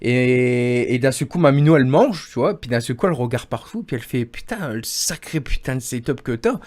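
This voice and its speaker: A man's voice: mid-range voice, expressive, brisk, a little mellow. Rambling man recounting a dream. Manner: rambling, keeps repeating "en gros" and "et tout". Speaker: livestreamer. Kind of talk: casual storytelling to a friend on stream.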